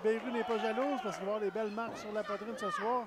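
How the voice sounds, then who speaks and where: A man with a Québécois French accent calling live wrestling play-by-play as an excitable commentator. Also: sits high, fast. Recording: noisy live event, loud crowd. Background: loud cheering crowd.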